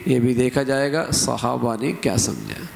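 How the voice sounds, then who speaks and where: A man's voice: mid-range voice, expressive, gravelly, a little hiss or hum. A middle-aged man preaching a sermon, emphatic, lifting his voice to act out quoted phrases and examples. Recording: hall with long reverb.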